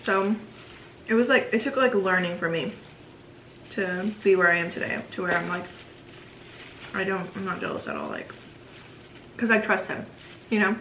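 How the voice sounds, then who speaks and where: A woman's voice: on the low side, sing-song, moderate pace, long pauses, fairly bright tone. A young woman in her twenties hosting a casual Q&A chat while eating, talking chattily with lots of "like". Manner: chatty, says "like" a lot. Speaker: vlogger and host. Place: home room. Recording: echoey home room with noise.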